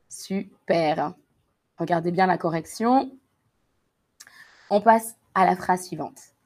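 A woman's voice: lowish voice, darkish tone. A woman teaching a live online French lesson, patiently reading dictation sentences and correcting students' answers. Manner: slow, patient, encouraging; repeats practice sentences slowly and clearly.

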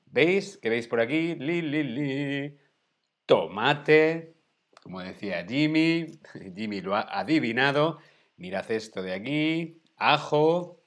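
A man's voice: mid-range voice, lively intonation, slow pace. A man with a Spanish accent in a casual, playful chat, joking while showing his breakfast. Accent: Spain Spanish. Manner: playful, jokey. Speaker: co-host.

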